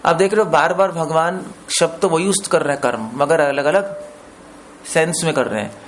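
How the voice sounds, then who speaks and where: Man with a higher voice preaching scripture. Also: moderate pace, a little hiss or hum. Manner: explains with questions to listeners, mixes in English words. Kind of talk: scripture discourse.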